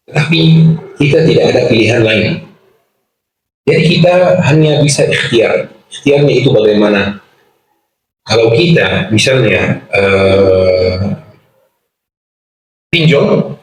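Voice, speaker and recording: Male preacher, earnest religious lecture, emphatic repetition, booming echo, faint background noise. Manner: earnest, emphatic, repeats key words. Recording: echoey hall.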